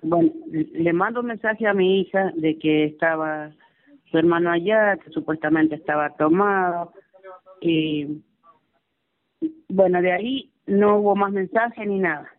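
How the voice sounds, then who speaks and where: A woman's voice: lowish voice, unhurried. A middle-aged woman calling in, recounting events in an anguished, pleading way. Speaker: caller recounting her son's arrest. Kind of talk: phone-in testimony. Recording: tinny phone line on radio.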